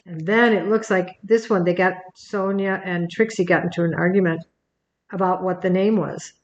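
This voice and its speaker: A woman's voice: lowish voice, fairly even intonation, moderate pace, reverberant, lo-fi sound. Older grandmother reading a bedtime story. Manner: gentle, talks to the child by name between pages.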